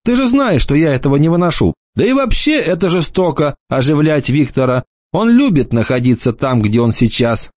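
A man putting on a sly, sharp-tongued teenage boy in a storybook reading, raised in pitch and full of mockery. His speech swings up and down, and the recording sounds dry and a bit dull. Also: sing-song, moderate pace, no room sound. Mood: scolding. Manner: mocking, bossy.

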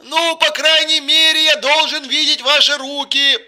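Man voicing a polite watch officer, calm, courteous, high-pitched, audiobook. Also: moderate pace, heavily acted.

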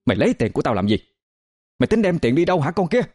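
A man voicing a cruel middle-aged peasant aunt who screeches and hurls rapid-fire abuse. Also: fairly high pitch, big pitch swings, a little mellow, breathy edge, voice pushed up. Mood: shrieking.

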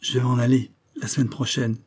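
A man voicing an earnest, steady young farm man who talks in calm, reasoned sentences. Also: mid-range voice, a little fast, lightly acted. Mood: tender.

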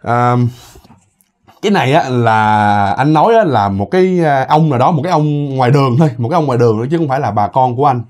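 A man with a Southern Vietnamese accent telling a ghost story in an animated, casual way, often repeating words and speaking to his listeners. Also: mid-range voice, fast.

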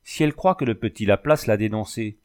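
A man's voice: lowish voice, brisk, smooth, natural voice. A man doing a worried village notary muttering to himself. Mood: anxious. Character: worried, guilty middle-aged village notary.

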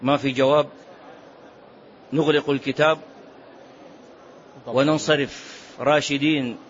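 A man's voice: medium pitch, fairly even intonation, a little slow. A man teaching a religious lesson to seated students. He repeats key phrases and quizzes his listeners. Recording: muffled lo-fi recording with faint noise.

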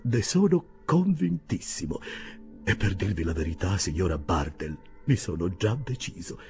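A man reading an audiobook and voicing an earnest, easily flustered older gentleman who grows agitated and pleading. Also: sits low, moderate pace, natural voice.

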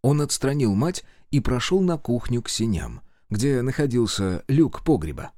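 A man narrating an audiobook with expressive storytelling. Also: medium pitch, normal speed, no echo, studio quality.

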